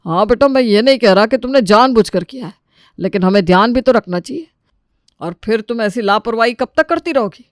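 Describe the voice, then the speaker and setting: A woman's voice: on the high side, animated, brisk, dry recording, studio quality, natural voice. A woman voicing a stern older father-in-law in a cartoon story, scolding in a fatherly way.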